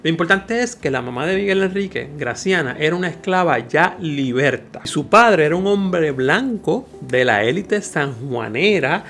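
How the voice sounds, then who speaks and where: A man's voice: on the high side, expressive, normal speed, few pauses, fairly bright tone, soft background music. A man with a Puerto Rican Caribbean Spanish accent giving an informal history lecture as a teacher, emphatic and didactic, repeating key phrases. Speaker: history teacher and channel host.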